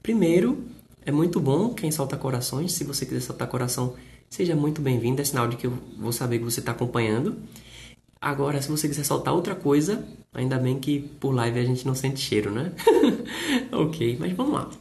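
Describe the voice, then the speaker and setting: A man with a Brazilian Portuguese accent teaching English on a live stream. He explains slowly and repeats himself, with playful jokes, and reads out viewer comments. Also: medium pitch, expressive, gravelly, darkish tone. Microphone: live stream setup.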